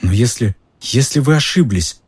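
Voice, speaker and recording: A man's voice: mid-range voice, lively intonation, moderate pace, darkish tone, husky, pitched above the performer's own voice. A man reading aloud and voicing a hesitant schoolgirl who stammers her question to a teacher. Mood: timid.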